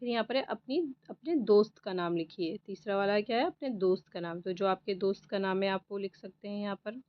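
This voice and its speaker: A woman's voice: mid-range voice, brisk, highs cut off. A woman teacher patiently going through an exam paper, asking questions and answering them herself. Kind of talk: exam paper walkthrough lesson.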